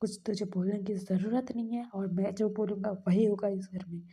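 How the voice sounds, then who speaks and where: A woman's voice: mid-range voice, fairly even intonation, moderate pace, warm tone, husky. A woman voicing a stern, domineering middle-aged father who gives curt commands, in a storybook reading.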